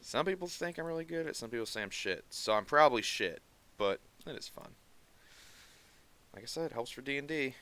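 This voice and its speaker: While he draws live, a streaming artist keeps up loose chatter with viewers, full of rambling asides and muttering. His voice is medium in pitch, animated and sharp, and its nasal quality makes him sound sarcastic by default.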